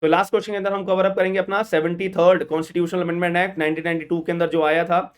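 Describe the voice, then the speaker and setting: A man's voice: sits high, little pitch movement, fast. A man teaching an online law exam lecture, emphatic and repetitive, often asking the viewers questions. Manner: emphatic, repeats "thik hai ji", quizzes viewers.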